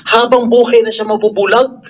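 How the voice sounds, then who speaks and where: A man's voice: very high-pitched, flat delivery, fairly quick, dull audio. A man questioning a witness angrily at a public hearing, repeating his questions and accusations. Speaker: senator at a hearing.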